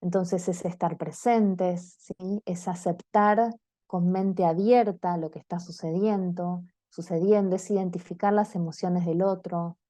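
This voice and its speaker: A woman with an Argentine Spanish accent gives an engaging online talk to parents and teenagers over a video call, checking in with her audience again and again. Her fairly low voice is steady and warm, at a measured pace, with no room sound.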